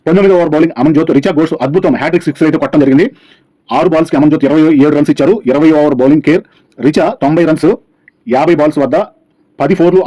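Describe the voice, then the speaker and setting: Fast-talking Telugu Indian man recapping sport. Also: on the high side. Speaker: YouTube channel host. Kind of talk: sports match recap narration. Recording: dull, lo-fi audio.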